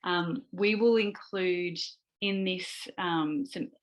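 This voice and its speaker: A woman's voice: lowish voice, fairly even intonation, slow, poor audio. A woman with an Australian accent presenting a webinar over a video call from her home in the middle of a move, chatty and full of fillers and restarts. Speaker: webinar presenter, leadership specialist. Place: home mid-move, indoors.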